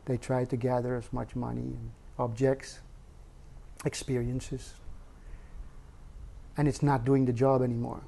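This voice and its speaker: A man's voice: medium pitch, flat delivery, unhurried, creaky, long pauses, mellow. A man, a spiritual teacher, giving an earnest, reflective satsang talk with casual asides and rhetorical questions.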